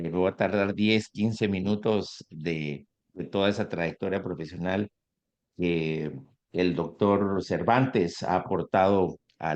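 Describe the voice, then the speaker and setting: Male host, deep-ish voice, hesitant delivery, muffled recording. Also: darkish tone. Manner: hesitant, many fillers, slow. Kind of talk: interview introduction. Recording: dull lo-fi sound.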